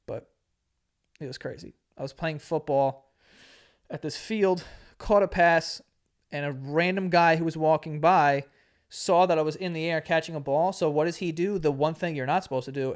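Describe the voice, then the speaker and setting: A man's voice: fairly high pitch, normal speed. A man in his late twenties telling a story in casual chat, laid-back and profane, laughing often and acting out what people said. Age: 20s. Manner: laid-back, swears a lot, laughs often, acts out quotes. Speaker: podcast host.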